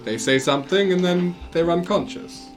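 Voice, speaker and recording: A man's voice: high voice, animated, normal speed, soft background music. A man playing a tabletop game, talking in upbeat, joking banter with the table. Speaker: player. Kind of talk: casual tabletop play.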